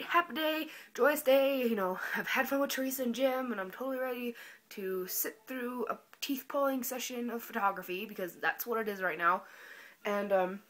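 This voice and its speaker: A teenage girl in her late teens, a high school student vlogger with a mid-range, slightly bright voice, tells a story to the camera. She's casual, dramatic and self-mocking, acting out the panicked things she said.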